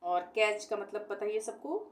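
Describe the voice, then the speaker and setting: A woman teaching a pronunciation lesson at a steady, mid-pitched level. She spells each word slowly, letter by letter, then says it again. She often asks the class a question and answers it herself. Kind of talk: explaining a lesson step by step.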